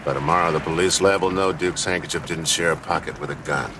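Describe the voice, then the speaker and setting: An actor playing a world-weary, hard-boiled American private detective, laconic and wry, in a noir drama. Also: male voice, sits low, steady tone, fast talker, close to an everyday voice. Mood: wry, pressing. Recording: clearly noisy film soundtrack.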